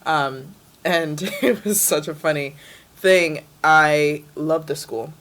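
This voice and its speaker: She's a young woman from the Dominican Republic who grew up in New York City, chatting casually as an interview guest and dropping "like" constantly. Her voice is low and fairly bright, and she speaks slowly.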